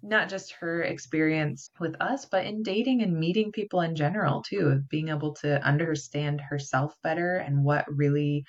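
A woman's voice: low voice, normal speed, hardly any pauses. A woman co-hosting a dating podcast, talking earnestly in casual chat. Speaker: podcast co-host, dating coach. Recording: dull lo-fi audio.

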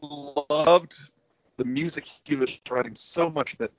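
A man's voice: on the high side, takes it slowly, dry recording, faint music behind. A middle-aged man talking over a video call as an interview guest, telling stories in an enthusiastic, rambling way. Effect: heard over a video call, connection breaking up. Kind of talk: casual interview. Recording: dull, lo-fi video call audio.

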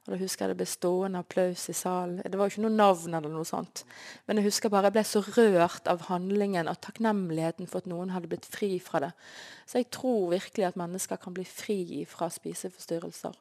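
A woman's voice: on the low side, steady tone, a little mellow. A woman sharing an earnest, emotional personal faith testimony as an interview guest. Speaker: guest sharing her life story.

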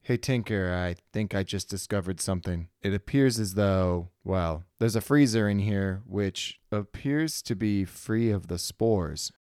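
Brief: a man playing a weary starship captain, tense and commanding, clear and dry. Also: lowish voice, a little slow, few pauses, darkish tone, no room sound, natural voice.

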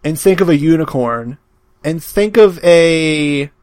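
A man hosting a playful podcast segment, tossing out silly questions with a teasing edge. His voice is a touch high and sounds dry, with no room around it. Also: expressive, slow, darkish tone, dry recording. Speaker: podcast co-host, asks the questions. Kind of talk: casual banter.

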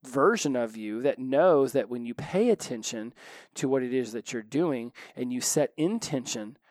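A man hosting a solo podcast, talking fast and excitedly with many fillers, tired from being up past midnight. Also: medium pitch, dry recording, clean studio sound. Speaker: podcast host. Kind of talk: solo podcast monologue on recovery. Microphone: studio microphone.

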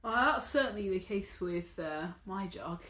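This is a young woman in casual podcast chat. She is dry and teasing and laughs easily. Her mid-pitched voice carries a noticeably roomy echo. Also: lively intonation, measured pace, a bit bright. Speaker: podcast co-host. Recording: roomy, echoey sound.

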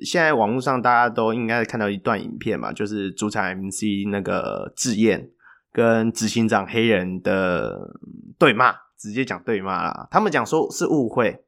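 A man, co-hosting a podcast and telling a story in a chatty, animated way with filler pauses. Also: lowish voice. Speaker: podcast co-host. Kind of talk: casual storytelling chat.

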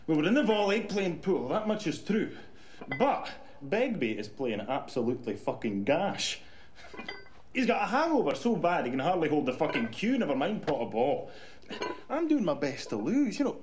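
A exasperated young Scottish mate in a film, telling a slangy tale in disbelief. His fairly high voice leaps around wildly over clear noise. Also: normal speed. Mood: confiding. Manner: incredulous, animated, slangy. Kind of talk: film monologue, casual storytelling.

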